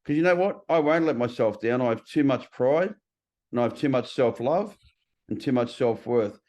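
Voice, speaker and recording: This podcast host has a medium-pitched, slightly mellow voice with lively intonation and a moderate pace. Chatting casually, he speaks bluntly, swears liberally, and voices other people. The recording is lo-fi and a bit dull.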